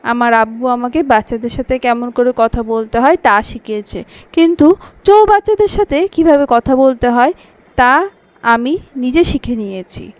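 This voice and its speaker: A woman's voice: on the high side, moderate pace, no room sound, close to an everyday voice. Woman doing a mocking young woman. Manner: teasing, dismissive.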